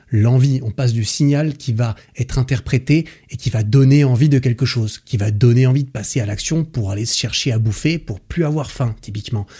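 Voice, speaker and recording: Male podcast host, dark husky tone, chatty and enthusiastic, slangy, lots of fillers. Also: medium pitch. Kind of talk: casual book summary.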